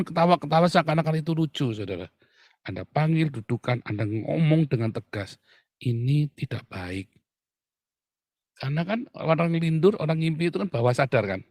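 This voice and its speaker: A man from Indonesia preaching a sermon, blunt and animated, with sudden loud outbursts. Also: fairly high pitch, a little fast, no echo. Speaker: pastor.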